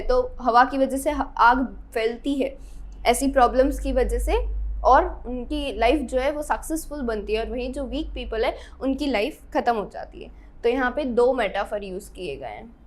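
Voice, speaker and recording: A young woman teaching an English grammar lesson, explaining step by step and checking in with her students often. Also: high-pitched.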